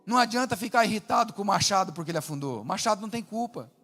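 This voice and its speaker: High-voiced preaching pastor, man. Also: racing. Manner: animated preaching with acted quotes, rising and dropping to a hush. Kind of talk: sermon. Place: large church hall. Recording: long hall reverb with faint music.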